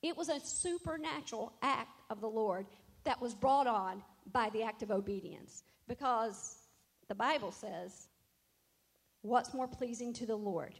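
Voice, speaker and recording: A woman's voice: mid-range voice, breathy edge. A middle-aged woman, a worship leader, telling a personal faith testimony in an earnest, reflective way and quoting scripture.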